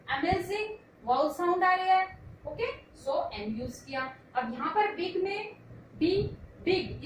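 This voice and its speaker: एक महिला शिक्षिका अंग्रेज़ी व्याकरण धैर्य से समझाती हैं, खुद सवाल पूछकर खुद जवाब देती हैं और बच्चों को बेटा कहती हैं।. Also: female voice, very high-pitched, fairly bright tone, echoey room, distant mic, a little hiss or hum, low-quality recording. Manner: explains patiently, asks questions and answers them herself, calls students "beta". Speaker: English teacher. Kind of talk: classroom grammar lesson.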